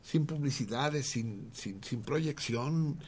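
A man's voice: medium pitch, takes it slowly, a little mellow, a little hiss or hum, voice pushed up, lightly acted. A man voicing a fussy businessman in a joke, stretching and stressing his words. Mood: emphatic. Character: fussy Galician businessman talking up advertising.

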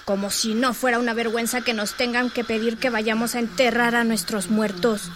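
A woman's voice: fairly high pitch, flat delivery, normal speed, noisy background, close to an everyday voice. A woman playing an outspoken, indignant internee in an audio drama, assertive and articulate as she urges others to organise. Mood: indignant, urging.

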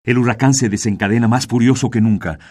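A man's voice: mid-range voice, quick pace, a little mellow. A man with a Mexican Spanish accent narrating a dramatic story in a varied, theatrical reading.

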